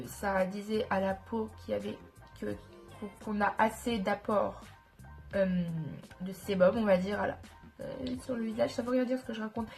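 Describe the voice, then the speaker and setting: A woman with a congested, nasal voice from a stuffy nose, chatting casually and enthusiastically as a beauty vlogger, often correcting herself as she goes. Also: medium pitch. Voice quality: nasal, blocked-up sound. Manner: informal, enthusiastic about products, self-correcting. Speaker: beauty vlogger presenting skincare products. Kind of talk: casual chat to viewers.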